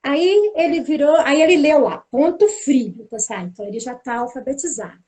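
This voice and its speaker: A woman teacher, casually telling a lively anecdote about a school day and acting out what people said. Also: sits high, moderate pace. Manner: lively storytelling, acting out the dialogue. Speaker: teacher and pedagogical coordinator.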